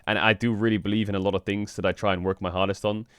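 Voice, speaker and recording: A man streaming in casual chat, frank and rambling, swearing often, with a flat delivery because he just woke up. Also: very fast, clean tone, no echo, clean studio sound. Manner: flat, low-energy delivery. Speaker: streamer and esports team owner.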